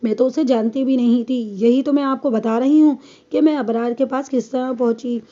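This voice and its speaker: A woman's voice: high voice, steady tone, mellow, dull audio, natural voice. A woman voicing a defiant young wife who bluntly tells her story in a police statement, read as an audiobook. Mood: earnest. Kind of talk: audiobook reading.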